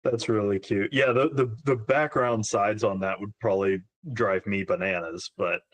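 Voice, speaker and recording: A man's voice: on the low side, fairly even intonation, normal speed. A man co-hosting a casual video call chat, asking curious, hesitant questions. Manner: curious, hesitant with repeated starts.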